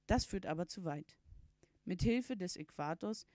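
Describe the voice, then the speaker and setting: A woman's voice: lowish voice, lively intonation, measured pace, a little mellow, no room sound, studio quality. A woman reading out a schoolboy's essay in a plain, matter-of-fact way, from a storybook.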